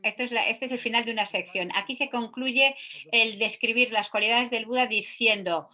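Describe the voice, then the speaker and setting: A woman gives a Buddhist teaching on a sutra, reading passages aloud and pausing often on filler sounds. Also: fairly high pitch, pushed and bright.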